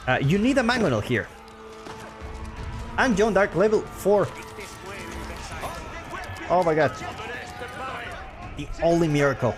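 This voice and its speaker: A native Spanish speaker with a Spanish accent casts a strategy game match live over music, repeating his own phrases. His slightly high voice is very animated, yet he talks slowly and pauses often.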